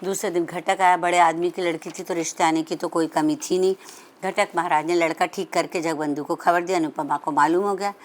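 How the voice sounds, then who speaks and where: Low-voiced woman reading a story aloud. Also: steady tone, fairly quick. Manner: conversational asides and self-corrections.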